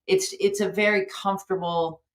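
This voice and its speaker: A livestream co-host speaking in a relaxed, thoughtful, slightly halting way. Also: medium pitch. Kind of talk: casual livestream talk. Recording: roomy echo.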